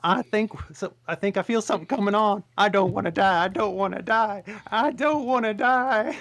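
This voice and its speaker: Performer reading a jittery talkative donkey, fretful, jokey, rapid-fire. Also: mid-range voice, a bit bright, close to an everyday voice. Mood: panicky. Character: chatty anxious male donkey sidekick. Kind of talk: table read.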